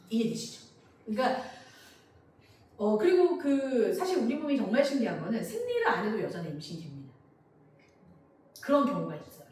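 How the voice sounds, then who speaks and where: A high-voiced woman gives a lecture to parents, and her pitch swings widely as she acts out children and parents. She sounds set back from the microphone in a big echoey hall, with faint noise behind her. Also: distant mic. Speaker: parenting educator.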